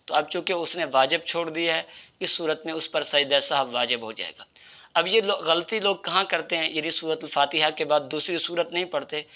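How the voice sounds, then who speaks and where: A man's voice: on the high side, pushed and bright. A man giving religious instruction in a methodical, explanatory way, addressing his listeners directly. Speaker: Islamic religious teacher.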